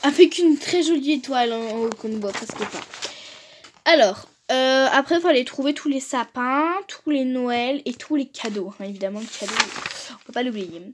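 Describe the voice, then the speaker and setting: Young female vlogger, fairly high voice, chatty and joking, drifts into mumbles. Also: moderate pace. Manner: chatty, reads aloud and jokes, trails off into mumbles. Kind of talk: casual vlog commentary.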